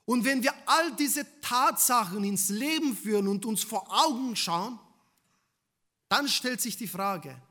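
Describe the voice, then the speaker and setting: A male preacher delivering a sermon in a high, bright voice. He presses his points with rhetorical questions to the congregation, his delivery swinging between loud emphasis and hushed lines. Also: unhurried.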